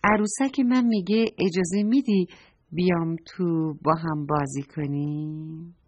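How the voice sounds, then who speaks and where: A woman's voice: on the low side, darkish tone, no room sound, natural voice. A woman voicing a little girl who guards her new doll, speaking in a childlike, reproachful way, on a dull lo-fi recording. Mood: childish, earnest.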